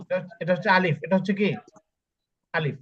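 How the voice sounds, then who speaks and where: A man with a fairly high voice teaches an online Quran reading class. He spells out each letter and repeats every sound slowly and patiently for his students. His voice comes through as a dull, muffled call recording. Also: fairly bright tone, a little hiss or hum. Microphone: online call audio.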